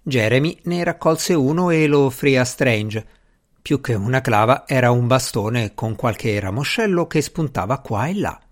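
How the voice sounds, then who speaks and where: A man reading a novel aloud as a scripted narration, expressive and voicing the dialogue. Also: mid-range voice, unhurried. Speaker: audiobook narrator.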